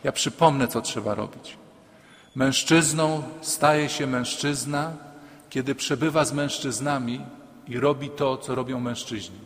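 A man's voice: mid-range voice, unhurried. Male priest preaching in a reverberant church. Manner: emphatic, repeats key lines, humorous asides. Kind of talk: sermon to a congregation.

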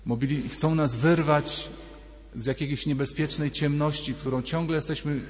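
In a church with long reverb, a priest preaches a sermon in a slightly high, steady voice at a moderate pace. He tells stories conversationally and acts out little dialogues.

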